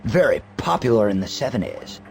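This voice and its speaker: Brief: a laid-back gravelly stoner hipster, lively pitch, with game music behind. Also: male voice, fairly quick. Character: lazy stoner hipster man, mellow and dopey. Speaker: game character Kent. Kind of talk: voiced video game dialogue.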